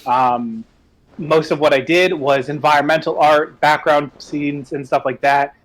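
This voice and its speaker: A young man joining a livestream over voice chat as a guest, chatting casually in an animated, self-deprecating way. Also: a little high, unhurried, poor audio. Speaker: stream guest, former environmental artist.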